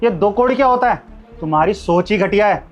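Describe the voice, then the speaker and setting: A man's voice: sits high, expressive, fast, muffled recording, faint music behind. A man playing a husband who lectures his wife about treating a guard with respect. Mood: stern. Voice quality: lecturing, moralising. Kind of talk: amateur short-film acting.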